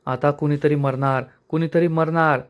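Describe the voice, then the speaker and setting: A meek young bride, scared and pleading, voiced by a man narrating a serial. The voice sits fairly high and sounds anxious. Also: steady tone, normal speed, clean tone, lightly acted. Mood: fearful. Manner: pleading, fearful.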